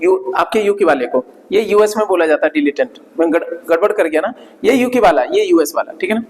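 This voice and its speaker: A man's voice: sits high, animated. A man teaching English vocabulary in Hindi, drilling pronunciation and checking in with his class again and again. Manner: repetitive, drills words, checks in with "ठीक है ना"; slow, drawn-out spelling of sounds. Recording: long hall reverb.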